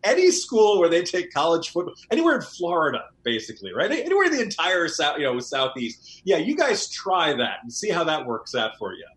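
A man with a fairly high voice that swings up and down a lot, trading jokes on a political podcast. He talks casually and wryly, full of sarcasm. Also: fairly quick, hardly any pauses. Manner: wry, joking, animated. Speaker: podcast co-host.

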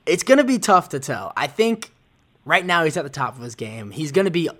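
A man co-hosts a casual podcast, talking quickly and brightly as he shares earnest opinions. His delivery is upbeat and conversational, moving fast from one thought to the next. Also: a little high, big pitch swings. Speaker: podcast co-host.

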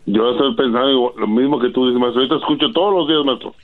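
A man's voice: mid-range voice, rapid-fire, over music. A man calling in to a radio show, rambling through his complaint and calling the host maestro. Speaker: caller. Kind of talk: phone-in comment. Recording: tinny phone line.

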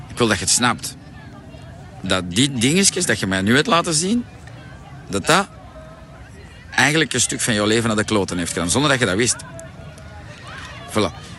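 Pushy Flemish man with a bright voice. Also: fairly low pitch, a little hiss or hum. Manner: insistent and pushy, repeats "voilà" and "hè". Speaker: coach and shop owner. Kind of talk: live-stream sales pitch answering a viewer.

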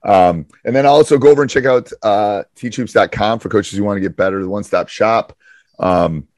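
Host: male coach, lower voice, loose rambling delivery, dry close sound. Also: a little fast, darkish tone, dry recording. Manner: rambling, many fillers and restarts. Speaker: podcast host, basketball coach. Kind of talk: casual podcast chat.

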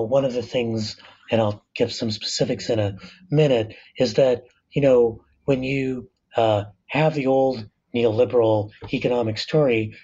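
An American man with a rough smoker's rasp, explaining ideas in a measured, thoughtful interview style. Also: medium pitch, dark tone, muffled recording. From Southern California, United States. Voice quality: raspy, rough smoker-like rasp from a speech disorder. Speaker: professor and author, interview guest.

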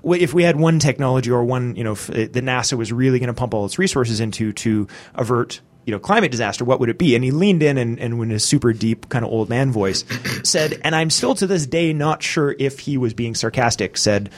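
A man's voice: medium pitch, lively intonation, a little fast. A man hosting a podcast, talking in a rambling, casual way with many fillers and restarts. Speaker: podcast host.

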